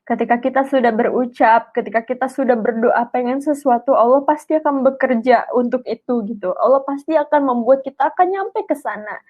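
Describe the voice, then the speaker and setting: Young woman, high-pitched, chatty emotional storytelling, dull lo-fi sound. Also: fairly quick. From Indonesia. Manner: chatty, emotional testimony with slang and fillers. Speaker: speaker sharing a personal story. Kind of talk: casual storytelling on a live stream.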